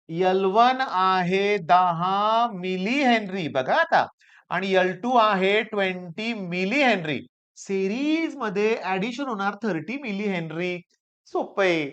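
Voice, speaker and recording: A man with a Marathi accent teaching physics for an exam, hoarse from a sore throat, coaxing his students and repeating the key points. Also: high-pitched, lively intonation, slow pace, fairly bright tone, lo-fi sound. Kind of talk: exam-prep lecture.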